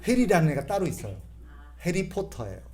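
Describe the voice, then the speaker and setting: A man's voice: high-pitched, big pitch swings, fairly quick, darkish tone. A middle-aged male pastor giving a humorous sermon, imitating voices and having the congregation repeat phrases after him.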